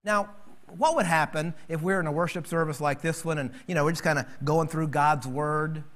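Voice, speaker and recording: A man preaching a sermon as pastor, animated and acting out quoted voices. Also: fairly high pitch, normal speed.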